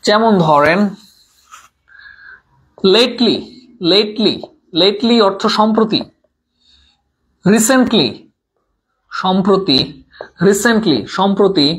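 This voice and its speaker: A man's voice: high voice, expressive, slow, long pauses, a bit bright, slightly rough. A man teaching a live online class, repeating terms, asking and answering his own questions, and mixing English words into his talk. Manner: reads out viewer comments.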